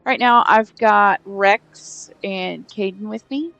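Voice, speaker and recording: A woman's voice: medium pitch, slow, creaky, a bit bright, no echo, muffled recording. A woman hosting a casual gaming live stream, hesitant and rambling, often trailing off mid-thought. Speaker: game streamer, host.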